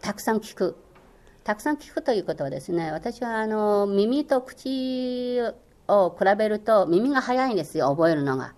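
Speaking in a mid-range, darkish voice at normal speed, an older woman sounds animated as she responds to interview questions. A native Chinese speaker and onetime radio language lecturer, she is earnest and encouraging, though her answers are full of hesitant fillers.

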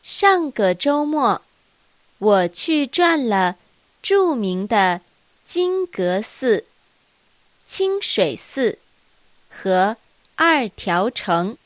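A woman teaching a language lesson, reading dialogue lines with careful, deliberate enunciation. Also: a little high, very animated, dry recording.

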